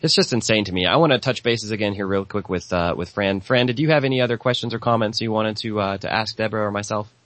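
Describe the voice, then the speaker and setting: A man's voice: lowish voice, fast talker, few pauses, fairly bright tone, dry recording. A man hosting a call-in talk show in a casual, agreeable, folksy and effusive way.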